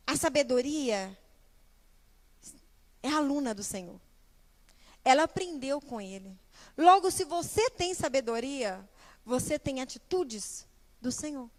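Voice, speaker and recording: A young woman preaching a sermon in church, animated, putting rhetorical questions straight to the congregation. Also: high-pitched. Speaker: guest preacher and small-group leader.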